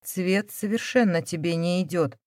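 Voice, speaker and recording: Woman doing a bossy older mom, scolding, loud and indignant, dry sound. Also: on the low side, normal speed, no echo, natural voice. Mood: cold. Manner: scolding, raised voice. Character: stern domineering older mother, indignant.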